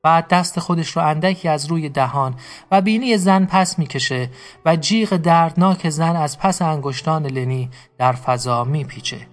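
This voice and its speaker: A man narrating a dramatic story, speaking directly to his listeners. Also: on the high side.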